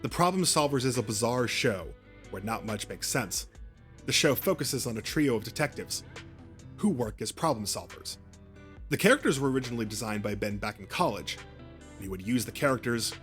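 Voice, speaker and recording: A man's voice: mid-range voice, fairly bright tone. Man narrating a cartoon history. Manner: reads with small slips and restarts. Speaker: YouTube narrator. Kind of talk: scripted narration.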